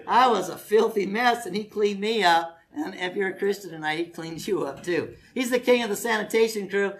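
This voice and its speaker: Preaching and announcing camp details to his congregation in a meeting hall, a family-camp pastor speaks in a high, bit-bright voice. His style is folksy and playful, joking with the audience as he urges them to volunteer.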